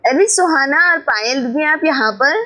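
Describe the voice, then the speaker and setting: A woman's voice: high voice, animated, normal speed, sharp tone, slight background noise. A woman voicing a friendly young village daughter-in-law in a doll story. She talks in a polite, chatty way.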